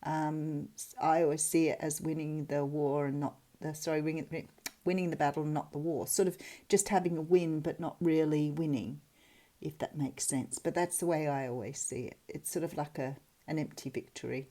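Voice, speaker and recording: Speaking at normal speed in a low, steady, dark-toned voice, an Australian tarot reader and channel host chats her way through a casual, reflective reading.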